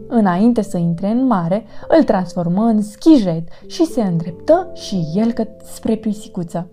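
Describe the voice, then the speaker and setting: A woman hosting her own storytelling channel, reading a children's picture book aloud in an expressive, sing-song way. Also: medium pitch.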